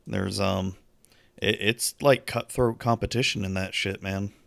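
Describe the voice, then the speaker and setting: Low gravelly man losing his voice. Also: fairly even intonation, unhurried, a bit bright, no echo. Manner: laid-back, short agreeing replies, casual swearing. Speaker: podcast co-host. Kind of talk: casual gaming podcast chat.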